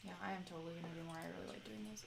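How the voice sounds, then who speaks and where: A woman's voice: on the low side, steady tone, very fast, gravelly, over a noisy crowd, poor audio. A woman co-hosting a casual live stream, friendly and reading viewer comments aloud. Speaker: co-host reading chat. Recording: loud background noise.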